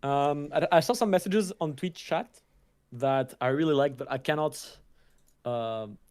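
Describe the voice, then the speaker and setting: A man's voice: a little high, measured pace, darkish tone. A young man co-commentating a card game livestream in a casual, slangy way, often stumbling and restarting.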